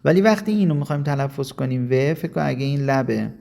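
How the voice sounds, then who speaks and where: A gravelly-voiced man from Iran leads a casual video lesson. He speaks at a medium pitch and coaxes his students along, mixing in slow English phrases. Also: lively intonation, mellow. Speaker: English teacher.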